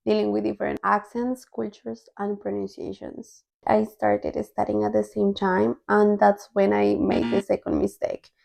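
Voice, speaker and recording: This young adult woman from Colombia, a native Spanish speaker, talks in English with a Colombian accent as a language-learning vlogger, casually sharing her own story with viewers. Her voice is medium-pitched and darkish, with vocal fry.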